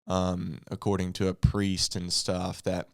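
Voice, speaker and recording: A man's voice: deep voice, completely flat delivery, measured pace, creaky, no echo, clean studio sound. A man co-hosting a podcast, reasoning through a book in loose, thoughtful casual talk. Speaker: podcast co-host. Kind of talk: casual theology discussion.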